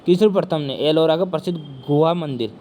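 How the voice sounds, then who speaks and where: Softly, and hoarse from a sore throat, a man gives a history lecture for exam prep in a somewhat high, brisk voice. He repeatedly asks questions and then answers them, against a faint hiss or hum.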